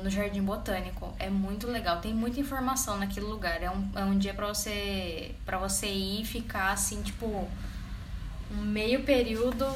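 A woman with a Brazilian Portuguese accent chatting casually and enthusiastically as a podcast co-host. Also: medium pitch. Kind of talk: casual travel podcast chat. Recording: roomy echo, distant, clear background noise.

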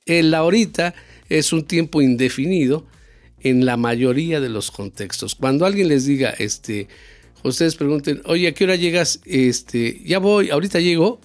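A man's voice: on the high side, expressive, unhurried. A man with a Mexican accent co-hosting a casual Spanish lesson podcast, explaining expressions with frequent "este" fillers. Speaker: podcast co-host and Spanish tutor.

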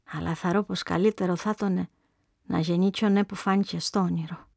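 A woman reading aloud gives voice to a dying young woman from Crete, weak and slightly hoarse. She speaks softly and wearily, resigned rather than frightened. The sound is dry and close, like a storybook reading. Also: on the low side, steady tone, no echo. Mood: weary resigned. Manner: soft, weary, resigned. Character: frail young woman sick with consumption.

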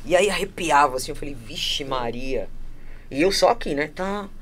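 A woman from São telling a personal story in casual chat, animated and acting out the voices of the people she quotes. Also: on the low side, fast, a crowd in the background. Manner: animated, acts out quoted voices, laughs often. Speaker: guest.

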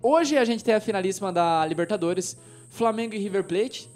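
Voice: mid-range voice, animated, moderate pace, over loud music. A host leading a casual football debate and putting questions to the panelists.

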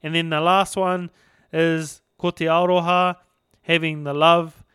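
Male podcast host, broad New Zealand accent, smooth voice, colloquial and laid-back, very dry sound. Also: on the high side, flat delivery, measured pace, a bit bright, dry recording. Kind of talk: casual podcast chat.

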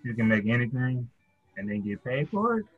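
A man's voice: medium pitch, big pitch swings, moderate pace, breathy edge, phone-quality sound. A man hosting a podcast, chatting casually in laid-back slang. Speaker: podcast host. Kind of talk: casual chat.

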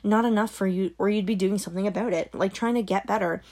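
A woman voicing a cold, controlling middle-aged mother in an audiobook, her words sharp and brittle. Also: medium pitch, steady tone, fast, close to an everyday voice. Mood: venomous. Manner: sharp, brittle, dropping to a hiss. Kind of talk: audiobook character voice.

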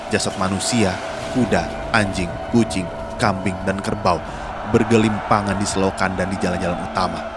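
A man's voice: fairly low pitch, heavy background noise. A man reading scripted historical documentary narration in a formal, dramatic manner.

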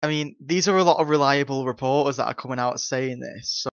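A man's voice: mid-range voice, a little fast, smooth, no room sound, lo-fi sound. A man chatting on a football podcast, hesitant and restarting his sentences. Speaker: podcast co-host. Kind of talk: casual chat.

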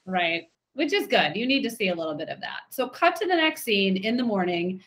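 A woman's voice: medium pitch, fairly quick. A woman co-hosting a podcast, chatting casually and opinionatedly as she recaps a TV episode. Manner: chatty, opinionated, animated retelling. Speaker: podcast co-host.

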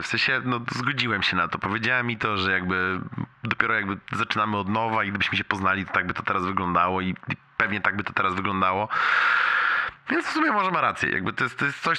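A young man leaving a casual, rambling voicemail for a friend, slangy with bits of English mixed in, halting and repeating himself. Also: on the low side, pushed and bright. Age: young adult.

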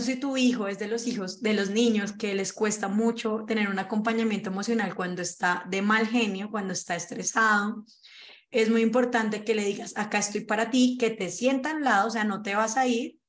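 A woman speaks as an interview guest. She explains things earnestly in a relaxed conversational flow, at an ordinary mid pitch. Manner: earnest, explanatory, acts out parents' quoted lines. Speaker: guest on parenting.

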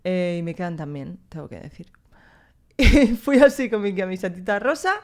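A young woman with a Spain Spanish accent rambles through a casual podcast monologue. Her voice sits fairly low for a woman. She talks freely, tossing in slang, mild swearing and lively asides. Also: moderate pace. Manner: chatty and slangy, mildly profane, lively asides. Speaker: podcast host.

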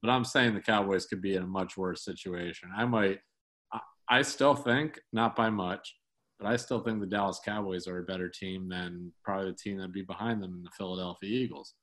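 A man's voice: deep voice, fairly quick, fairly bright tone. A man co-hosting a sports podcast, talking casually about football with many fillers and restarts.

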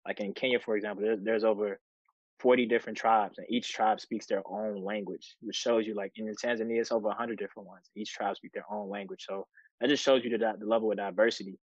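A Chicago man in his twenties, a student guest on a podcast, tells a story in a steady, low-key way during casual conversation. He talks fast, and the recording sounds dry, dull, and lo-fi.

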